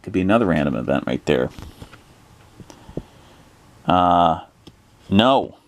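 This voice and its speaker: A man's voice: low voice, very animated, slow pace. A man narrating a solo tabletop adventure, thinking aloud with plenty of hesitations as he rolls and decides. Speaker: solo tabletop game player.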